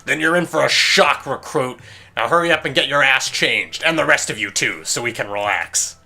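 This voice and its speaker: A gruff, bossy drill sergeant barks orders at his recruits in a game reading, as a man puts him on. The voice is bright and forward, with soft music running underneath. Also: medium pitch, normal speed. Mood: commanding. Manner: barking orders.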